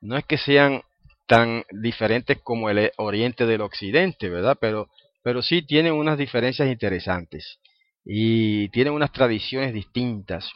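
A man's voice: medium pitch, a little slow, no room sound, dull audio. A man giving a religious talk as a Hebrew teacher, rambling and repeating words as he searches for them. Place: home library.

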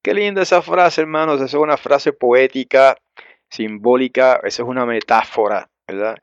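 A man's voice: mid-range voice, smooth, dry recording, highs cut off. A man preaching a Bible lesson in a conversational way, calling his listeners brothers, often adding tag questions and going back over words to explain them. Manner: explains and repeats words, with pauses and restarts. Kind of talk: Bible teaching sermon.

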